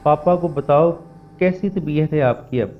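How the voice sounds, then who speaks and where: A man voicing a worried but calm father who speaks in a soothing, reassuring way. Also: on the high side, phone-quality sound, close to an everyday voice. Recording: music bed under voice.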